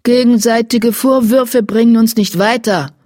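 A reader voicing a firm, commanding she-cat clan leader, raised and forceful. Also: medium pitch, fairly even intonation, normal speed, no echo, clean studio sound, pitched above the performer's own voice, lightly acted. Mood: authoritative.

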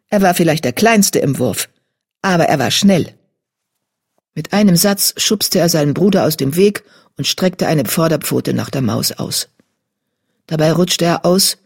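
A steady audiobook narrator with a husky, breathy voice in a middle pitch. The reading is measured and even. It sounds like scripted storytelling.

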